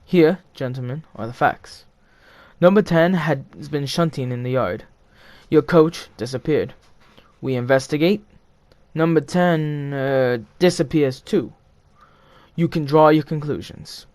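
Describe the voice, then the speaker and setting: A man's voice: a little high, unhurried, darkish tone, no echo, close to an everyday voice. A man voicing a stern, formal railway boss in a storybook reading.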